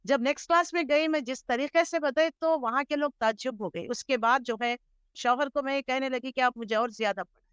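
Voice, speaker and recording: Middle-aged woman from Hyderabad, interview guest, earnest measured storyteller, smooth clear voice, dry close sound. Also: sits high, fairly bright tone, no room sound. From Hyderabad, India. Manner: measured, earnest storytelling with English words mixed in. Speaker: interview guest, Islamic scholar. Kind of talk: reflective life-story interview.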